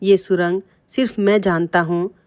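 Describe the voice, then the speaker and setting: A greedy, scheming king from a storybook tale, as a woman narrator reads his lines. His talk is bossy and worried, and the voice sits on the low side. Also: fairly even intonation, moderate pace, a little mellow, clean tone, lightly acted.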